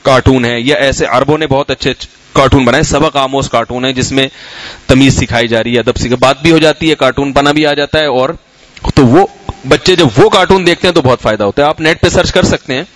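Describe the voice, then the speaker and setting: A middle-aged Islamic scholar from Pakistan gives a conversational sermon and Q&A talk, telling anecdotes and asking the audience questions. His voice is mid-range. The recording is dry and low quality.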